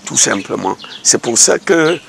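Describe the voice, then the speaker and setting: A Cameroonian theater actor speaking as an interview guest, slow and thoughtful, pausing often. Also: male voice, mid-range voice, big pitch swings, vocal fry, a bit bright. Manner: slow, thoughtful, with many hesitations. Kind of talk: casual interview conversation. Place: outdoors at a rural home. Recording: faint outdoor noise.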